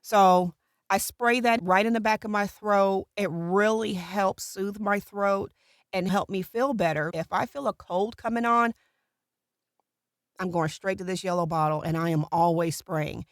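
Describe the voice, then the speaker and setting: A middle-aged woman with natural vocal fry, a voiceover artist casually explaining a routine to camera from a small recording booth. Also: medium pitch, unhurried, no echo, clean studio sound.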